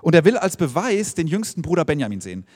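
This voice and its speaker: A man preaching in a casual, conversational way, tossing rhetorical questions at his listeners. His voice sits fairly high and swings animatedly up and down. The sound carries a long, spacious reverb from the church hall. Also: sing-song, fast, darkish tone. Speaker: pastor. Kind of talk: sermon.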